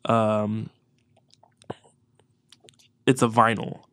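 A congested man rambles through a casual podcast chat, swearing freely and restarting his sentences. His voice stays smooth and level, with little rise and fall, on a close, dry mic. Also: fairly low pitch, flat delivery, drawn-out words, fairly bright tone, dry recording. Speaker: podcast co-host. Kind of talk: casual chat about music.

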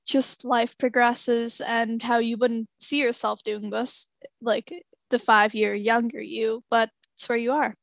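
A young woman with a fairly high voice chats casually about a book, leaning on fillers and giggling. Her sound is dry and close. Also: flat delivery, measured pace, gravelly, no room sound. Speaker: podcast co-host discussing a book. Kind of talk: casual chat.

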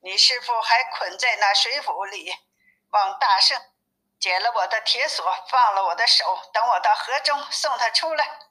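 A woman's voice: a little high, normal speed, pushed and bright, poor audio. A woman voicing a boastful, haughty male turtle-dragon river demon in a storybook reading. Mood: pleading. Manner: haughty, then pleading.

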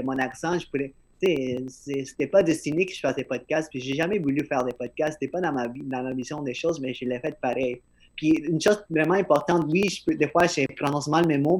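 Male podcast host with an accent, slightly high voice, a bit slurred, earnest and frank. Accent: non-native-sounding French accent. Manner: earnest, frank, repeats words when starting a thought. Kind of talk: casual podcast conversation.

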